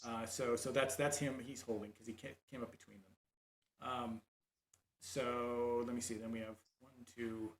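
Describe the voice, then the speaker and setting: Halting male game master, roomy sound. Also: medium pitch, little pitch movement, slight background noise. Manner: halting, full of fillers and restarts. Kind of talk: running a tabletop game over voice chat.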